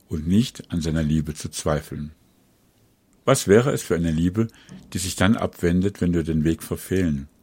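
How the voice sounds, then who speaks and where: Low husky-voiced man preaching. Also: dark tone, no room sound. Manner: earnest, measured devotional tone. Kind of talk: spoken sermon.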